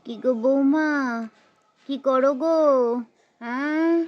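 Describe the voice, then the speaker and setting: A woman voicing a kindly older village grandmother in a doll story, gently coaxing her daughter-in-law. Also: sits high, fairly even intonation, slow, highs cut off. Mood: gentle.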